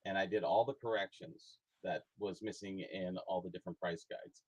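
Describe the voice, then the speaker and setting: A man's voice: sits low, steady tone, normal speed, slightly rough, dry recording, low-quality recording. A middle-aged man talking casually as a guest, rambling with many fillers and restarts. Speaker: guest, hobby historian and price guide author. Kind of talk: casual conversation.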